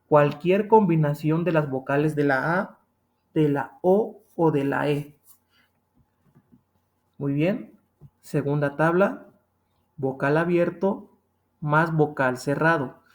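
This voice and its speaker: A man with a Mexican accent teaching a grammar lesson, patient and repetitive, often checking in with "ok?". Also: a little high. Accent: Mexican Spanish.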